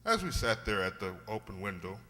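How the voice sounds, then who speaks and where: A man's voice: lowish voice, big pitch swings, fairly quick, sharp tone, slight background noise. A man playing a genial, sentimental older English doctor telling a story in an old-time radio drama, hearty and avuncular. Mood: genial storytelling. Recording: hall-like long reverb.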